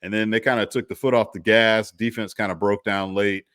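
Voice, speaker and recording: A man's voice: on the low side, steady tone, fairly quick, fairly bright tone, no room sound, clean studio sound. A man co-hosting a casual college football talk show, rambling with frequent restarts and asides. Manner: rambling, restarts, lots of "you know". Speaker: co-host.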